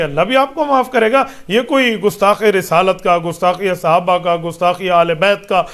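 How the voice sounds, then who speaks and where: A man's voice: high voice, fairly bright tone. A man answering religious questions as a mufti, preaching in an emphatic, rhetorical way, listing points and reciting Arabic phrases.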